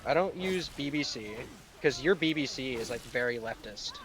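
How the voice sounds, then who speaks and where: A man's voice: mid-range voice, animated, moderate pace, a bit bright, slight background noise. A young man from the United States in his late teens, chatting sarcastically and rambling while he streams a game. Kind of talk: casual live-stream chat while gaming.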